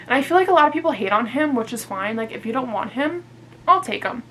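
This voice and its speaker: A woman's voice: on the high side, expressive, fast talker, pushed and bright, slight background noise, rough recording. A young woman chatting casually on her vlog, reviewing books in a gushing, chatty way and swearing freely. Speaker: book reviewer.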